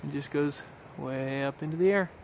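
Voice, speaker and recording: A middle-aged American man with a gravelly, slightly high voice speaks at a moderate pace. He is out in hilly backcountry, vlogging as an amateur radio operator and offering an upbeat, casual summary while outdoor noise carries behind him.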